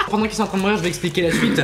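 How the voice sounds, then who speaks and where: A young man chatting excitedly with friends as he explains the games. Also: sits high. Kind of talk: casual excited chat among friends. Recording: roomy echo, music behind. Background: music.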